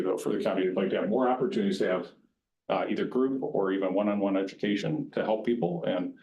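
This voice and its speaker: Here a man with a lowish, slightly mellow voice offers county employees plain-spoken, conversational advice on retirement plans. It's an informal educational presentation in a county board meeting room, with roomy meeting-room echo.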